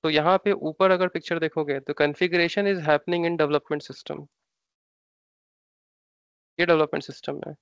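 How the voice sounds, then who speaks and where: A man's voice: on the high side, little pitch movement, unhurried, creaky, long pauses, clean tone, no room sound, dull audio. A man with an Indian accent, an instructor explaining ideas step by step in a live online class, repeating terms and asking rhetorical questions. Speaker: SAP training instructor.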